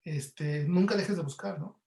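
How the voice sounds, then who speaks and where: Here an audio producer with a Mexican accent talks unhurriedly in a warm, slightly high voice touched with vocal fry. He gives casual answers during an online webinar interview. The audio is roomy and echoey.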